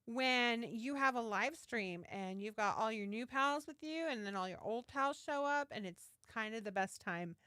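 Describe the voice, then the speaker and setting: A woman's voice: on the high side, lively intonation, normal speed, hardly any pauses, bright, forceful tone, clean tone, dry recording, studio quality. Chatty, enthusiastic woman livestream host. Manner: chatty and enthusiastic, reads viewer comments aloud. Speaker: livestream host, yarn dyer. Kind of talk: casual livestream chat.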